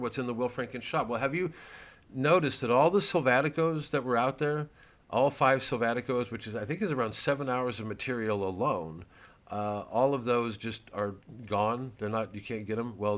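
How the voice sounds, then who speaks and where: Here a man with a somewhat low, slightly bright voice plugs his show in a casual chat to the camera. He comes across as nervous and rambling, pokes fun at himself, and keeps starting over.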